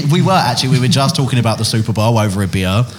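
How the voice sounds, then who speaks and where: A man's voice: mid-range voice, expressive, fast talker, a little hiss or hum. A man with an Essex accent, hosting a podcast in casual, jokey chat with guests around a table. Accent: Essex English. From England. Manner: chatty, jokey, playful. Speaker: podcast host.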